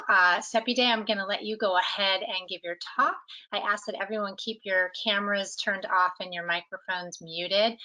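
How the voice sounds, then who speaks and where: A woman's voice: medium pitch, bright, forceful tone, poor audio. A woman hosting a webinar over a video call, introducing a speaker in a friendly, upbeat way. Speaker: host.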